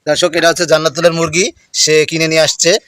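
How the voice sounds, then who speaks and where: A man's voice: a little high, flat delivery, fast talker, a bit bright, slight background noise. A man teasing a child and talking to viewers in a playful family vlog. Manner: teasing, addresses viewers directly. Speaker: vlogger filming a child.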